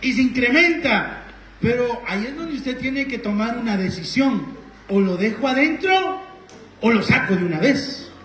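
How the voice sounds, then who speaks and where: A man's voice: extremely high pitch, animated, normal speed, fairly bright tone, slight background noise. A man with a Honduran Spanish accent preaching a sermon, asking the congregation questions and telling personal stories. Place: church hall. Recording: echoey church hall.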